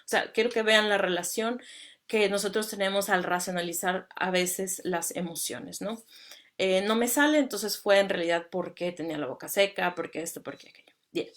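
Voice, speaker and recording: A woman's voice: fairly low pitch, fairly even intonation, normal speed, a bit bright. A woman teaching singing in an online lecture with slides. She talks in a conversational way, full of fillers and tag questions.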